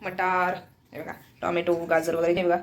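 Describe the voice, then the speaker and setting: A woman's voice: on the low side, level tone, moderate pace, soft background music. A woman chatting casually and teasingly at home for her vlog, laughing often. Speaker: vlogger. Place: home indoors.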